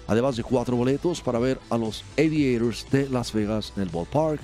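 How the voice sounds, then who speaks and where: A man's voice: mid-range voice, normal speed, dark tone, soft background music. Man anchoring sports radio. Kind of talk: sports news presenting and promos.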